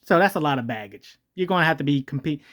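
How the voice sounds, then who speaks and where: This video host talks fast, with lively intonation and a fairly bright tone, through a voice changer that morphs the sound. They ramble jokingly, keep correcting themselves, and their pitch bounces all over.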